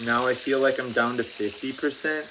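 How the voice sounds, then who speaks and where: Over a noisy background, a middle-aged man chats casually during a live cooking stream from his home kitchen. His medium-pitched voice is fairly even in intonation and moderate in pace, and he rambles self-deprecatingly with lots of ums as the livestream host.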